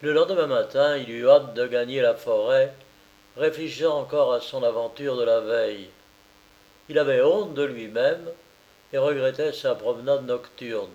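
A man narrating a novel in a measured storytelling manner. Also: mid-range voice, a little mellow, lo-fi sound. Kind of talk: scripted audiobook narration.

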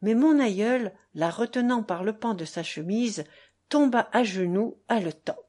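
A woman narrating a novel as an audiobook in a measured, even storytelling manner. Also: medium pitch. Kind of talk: audiobook reading.

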